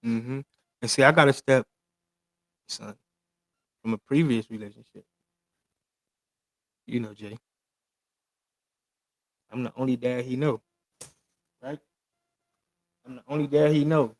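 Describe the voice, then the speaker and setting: A man's voice: medium pitch, fairly even intonation, slow pace, pauses often, dry recording. Slangy man in his thirties, dry mic. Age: 30s. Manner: loose, slangy, emphatic storytelling. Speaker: podcast host. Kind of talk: casual chat.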